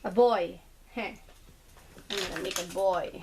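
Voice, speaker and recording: In this noisy home video, a woman talks to her small son in plain, patient language while they play together. She speaks at a measured pace with a fairly low-pitched voice.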